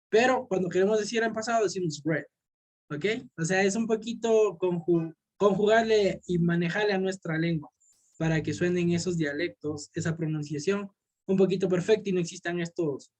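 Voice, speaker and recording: A male English teacher giving a recorded classroom lesson, who checks in constantly with "ok?" and slows down on each English example word. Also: sits high.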